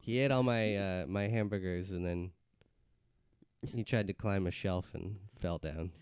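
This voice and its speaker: A man trading casual comic banter. His voice is clear and slightly low, recorded close and dry. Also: unhurried, a little mellow, no echo.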